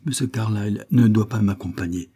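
Male reader voices a warm, insistent young wife; husky, dark tone. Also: fairly low pitch, fairly quick. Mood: solicitous. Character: kind young wealthy wife and mother.

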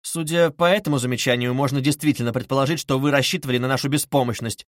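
A man's voice: mid-range voice, fairly even intonation, fast, dry recording, studio quality, lightly acted. A man reading aloud voices a proud young woman who speaks curtly and firmly.

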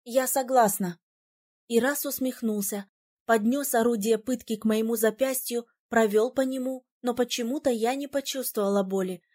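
A woman narrating a fantasy audiobook in the first person with steady, expressive storytelling. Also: on the high side, moderate pace.

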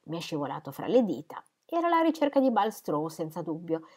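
A woman's voice: on the low side, big pitch swings, brisk, warm tone. Woman reading a blustering horse-dealer man. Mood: boastful gossip. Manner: blustering, gossiping. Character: boastful sarcastic middle-aged male horse dealer.

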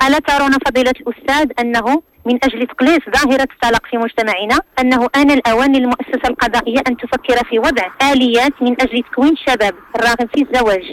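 A woman's voice: on the high side, low-quality recording. A woman with a Moroccan accent, heard over the phone as a caller to a radio show, reading out a formal statement and questions in long earnest sentences.

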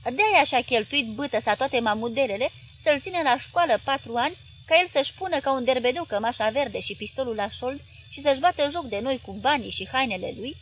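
A woman reading an audiobook plays a gruff, growling man, full of scorn and anger at a relative, his words pushed out loud and high. He snaps and grumbles indignantly at his wife. A faint hiss sits under the reading. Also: sing-song. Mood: angry, scornful.

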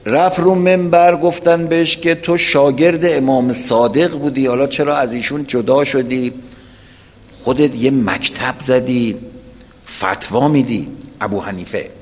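In a large hall, a man with a mid-range voice preaches to those gathered for the weekly religious lecture. He weaves a story while asking his listeners rhetorical questions directly.

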